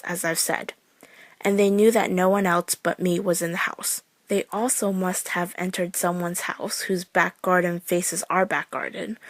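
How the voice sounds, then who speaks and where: A woman reading out a true scary story in a measured, suspenseful way. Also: lowish voice, dry recording. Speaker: horror story narrator.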